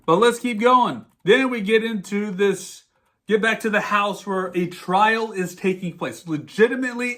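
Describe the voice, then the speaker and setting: A man's voice: high-pitched, fairly bright tone. A man hosting a podcast, giving a sarcastic, exasperated movie rant. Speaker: podcast host. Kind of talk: ranting movie commentary.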